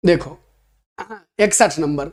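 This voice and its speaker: A man teaching a Hindi grammar class for an exam, lively and playful, reading out comments and answering them. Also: on the high side, slow. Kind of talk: online exam-prep class.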